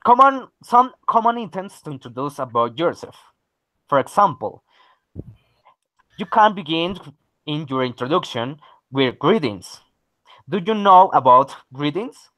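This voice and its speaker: A man's voice: fairly high pitch, sing-song, a little slow, long pauses, bright, forceful tone, no echo, low-quality recording. Encouraging male English teacher. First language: Spanish. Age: 30s. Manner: encouraging, repeats okay and very good. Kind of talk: online English lesson.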